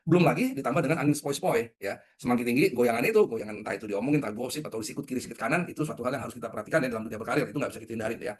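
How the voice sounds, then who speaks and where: Male trainer, middle-aged, very quick delivery, chatty webinar style, mid-range voice. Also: medium pitch. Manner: conversational, asks the audience questions. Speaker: leadership trainer. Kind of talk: webinar talk.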